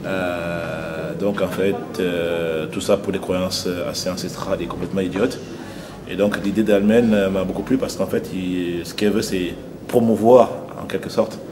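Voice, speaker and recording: A man's voice: deep voice, steady tone, moderate pace, crowd noise. A man from Cameroon, a fashion model, speaking earnestly in an interview with some hesitations. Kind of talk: interview testimony. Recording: noisy ambience behind.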